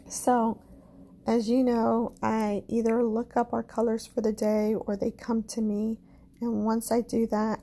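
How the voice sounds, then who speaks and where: A woman with a Caribbean accent hosting a spiritual podcast, talking slowly and gently with self-deprecating asides. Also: on the high side, gravelly. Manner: slow, gentle and self-deprecating, with soft laughs. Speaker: podcast host, astrology and crystal reader. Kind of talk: casual spiritual podcast monologue.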